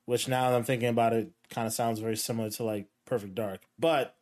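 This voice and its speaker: A man hosting a casual gaming podcast, talking in a relaxed, rambling way. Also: mid-range voice, fast talker. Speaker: podcast host. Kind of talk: casual chat.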